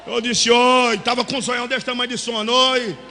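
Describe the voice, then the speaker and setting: A Brazilian man preaches with a strikingly high, piercing voice. He swings from storytelling into shouted, sing-song calls, and the sound rings out through a church with long reverb. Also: little pitch movement, quick pace, slight background noise. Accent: Brazilian Portuguese. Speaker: pastor. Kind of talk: Pentecostal sermon storytelling.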